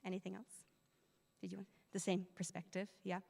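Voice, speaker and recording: A woman with an Irish accent, a teacher giving a lively, chatty presentation to parents in a school hall and laughing easily. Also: mid-range voice, fairly quick, gravelly. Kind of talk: interactive presentation. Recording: reverberant hall.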